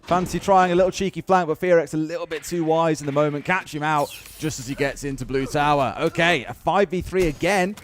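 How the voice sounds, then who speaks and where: A British man calls a live esports match at a rapid clip. His voice sits a little high, and he keeps the talk chatty and joking as he answers viewers between plays. Faint noise sits behind him. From United Kingdom. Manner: chatty and quick, jokes and answers chat. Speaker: esports caster.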